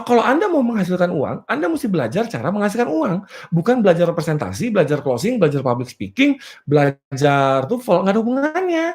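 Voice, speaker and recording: Lively, joking male business coach. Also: sits high. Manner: playful, rhetorical, repeatedly checks "clear?" with the audience; laughs at own jokes. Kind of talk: motivational seminar talk. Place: live and virtual seminar.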